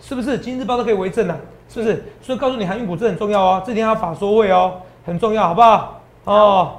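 A man with a Taiwanese Mandarin accent hosting a stock-tips show, animated and boastful, lecturing viewers like students. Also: high-pitched, fast talker. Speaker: stock market analyst host.

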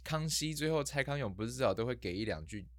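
A woman's voice: extremely low pitch, animated, fast talker, no room sound. A woman co-hosting a podcast, chiming in with dry, wisecracking remarks. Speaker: podcast co-host. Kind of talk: casual chat.

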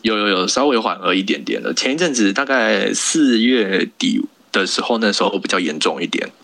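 A man's voice: lowish voice, expressive, fairly quick, vocal fry, fairly bright tone. A man with a Taiwanese accent chatting casually and playfully as a podcast guest, dropping in Singaporean slang particles. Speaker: interview guest, radio station worker. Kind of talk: casual remote podcast chat.

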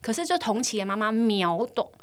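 A woman with a Taiwanese Mandarin accent, co-hosting a podcast and chiming in with quick jokes. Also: a little high, sing-song. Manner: quick, joking interjections. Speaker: podcast co-host. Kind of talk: casual chat.

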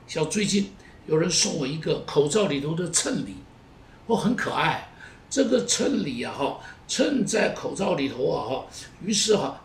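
A male pastor delivers a sermon with emphatic repetition, pressing his point and then dropping to a hushed plea. His voice sits fairly high for a man. It is recorded from some distance in an echoey space with a faint rumble underneath. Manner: emphatic, repeats phrases, swings between loud urging and hushed pleas. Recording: roomy echo, voice from a distance, faint noise.

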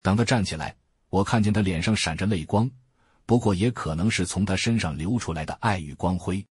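A man reads a first-person literary passage in a measured way. His voice is very low and deeply husky, recorded dry and close. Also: no room sound. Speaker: reader. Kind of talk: first-person book reading.

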